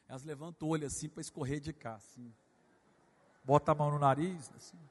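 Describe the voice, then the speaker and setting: A Brazilian man, a pastor, preaching a sermon in a church, moving from quiet storytelling to loud, fervent exhortation. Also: a little high, fairly even intonation, brisk, long reverb tail. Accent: Brazilian Portuguese. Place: church sanctuary.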